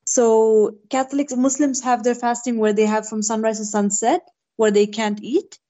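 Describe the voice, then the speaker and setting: A woman's voice: on the high side, level tone, normal speed, warm tone, dull audio. A woman originally from India, speaking as a podcast guest in a friendly, reflective way over a remote call. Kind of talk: casual podcast chat.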